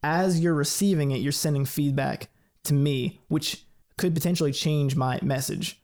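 A man explaining ideas in a relaxed, casual chat, thinking aloud with light laughs. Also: a little high, moderate pace.

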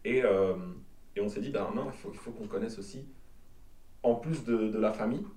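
A man's voice: on the low side, normal speed, mellow, recorded from a distance. Host, man, casual rambling chat, restarts a lot, echoey room, sits back from the mic. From Belgium. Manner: rambling, repeats words while searching for them. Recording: roomy sound from off-mic.

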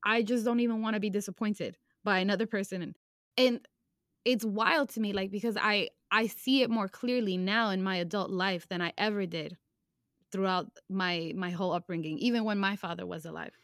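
A woman's voice: mid-range voice, steady tone, brisk, fairly bright tone, no room sound, studio quality. Raw, emotional young woman. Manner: raw, emotional, casual slang, swears. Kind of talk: candid personal conversation.

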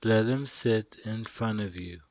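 A male meditation guide speaks in a fairly low, slightly mellow voice, very unhurried, soothing and instructional. His phrases are short and spaced out, and the recording has no room sound.

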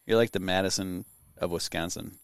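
A man hosting a casual podcast chat, laid-back, laughing often and trailing off quietly. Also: low-pitched, fairly even intonation, fairly quick, creaky, no echo, clean studio sound. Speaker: podcast host.

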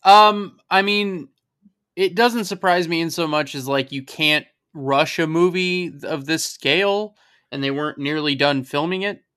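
A man's voice: on the high side, measured pace, sharp tone, smooth. A man co-hosting a film podcast as a box office analyst. He rambles and thinks aloud, often restarting his sentences. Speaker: staff writer and box office analyst, co-host. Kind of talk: casual podcast chat.

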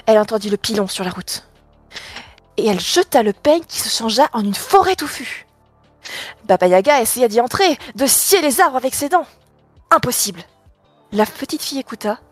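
A woman reading a fairy tale aloud, expressive, dropping to a hush at tense moments. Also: fairly high pitch, husky, dry recording. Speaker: storyteller. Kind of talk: storybook reading.

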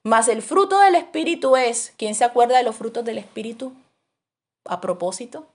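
A woman preaching to her congregation in an animated, storytelling way. Her voice sits a bit higher than most, and she slips into other people's voices to act out her anecdotes. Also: moderate pace. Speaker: Bible teacher. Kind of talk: sermon teaching.

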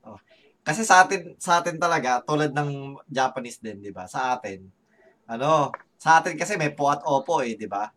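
A man's voice: mid-range voice, animated, normal speed, fairly bright tone, slight background noise. A man co-hosting a casual podcast chat, earnest and explaining at length with many fillers. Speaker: podcast co-host.

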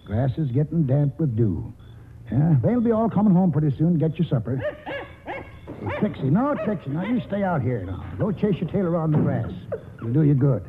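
A man's voice: on the high side, very animated, moderate pace, a crowd in the background. An actor playing a stubborn, folksy grandfather near eighty who stammers when riled, in a 1940s radio drama over a tinny old broadcast. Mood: puzzled. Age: older.

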